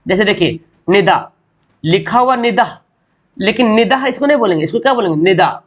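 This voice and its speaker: High-voiced man teaching grammar. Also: lively intonation, dull audio. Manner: repeats questions and answers them himself; drawn-out sounds to show pronunciation. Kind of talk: online grammar lesson.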